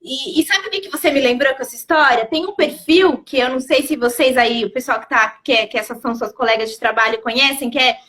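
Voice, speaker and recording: A woman's voice: high-pitched, quick pace, hardly any pauses, a bit bright. A woman hosting a casual interview. She is chatty and playfully sarcastic. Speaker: host.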